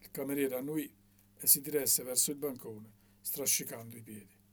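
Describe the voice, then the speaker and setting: Guy reading a novel aloud, measured and expressive, husky voice. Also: medium pitch. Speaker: audiobook reader.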